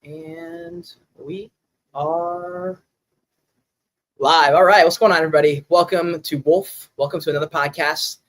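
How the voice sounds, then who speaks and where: A man's voice: on the high side, fairly even intonation, unhurried, fairly bright tone. A man hosting a podcast, introducing his guest in a chatty, enthusiastic way. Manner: chatty, enthusiastic slangy talk. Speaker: podcast host.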